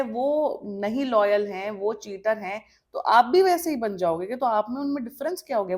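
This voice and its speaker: A woman from India giving a tarot reading, blunt and scolding with emphatic warnings, switching between Hindi and English mid-sentence. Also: sits high. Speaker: tarot reader. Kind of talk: tarot reading monologue to camera.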